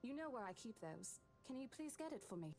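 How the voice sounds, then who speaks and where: A woman's voice: fairly high pitch, very animated, a little fast, darkish tone. A woman voicing a businesslike, bossy female real estate agent in a visual novel game, speaking formally and with command. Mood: polite, brisk.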